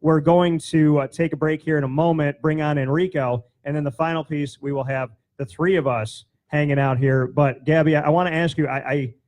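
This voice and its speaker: A man's voice: a little high, fairly quick, few pauses. Chatty man hosting a sports show. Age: 30s. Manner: chatty, animated storytelling. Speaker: host. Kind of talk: casual sports talk show. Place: indoor studio set with banner backdrop. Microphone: handheld mic.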